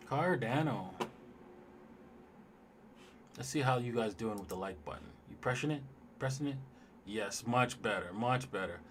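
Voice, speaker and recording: A man's voice: medium pitch, lively intonation, unhurried, long pauses, background noise. A man hosting a casual livestream, talking loosely and in a rambling way straight to his viewers as he looks over charts. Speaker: livestream host.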